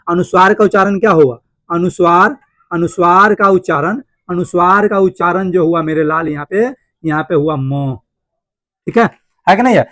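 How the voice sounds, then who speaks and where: High-pitched male teacher. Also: fairly bright tone, no echo. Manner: repetitive, asks students questions and answers them himself; affectionate address to students. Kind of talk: classroom grammar lesson.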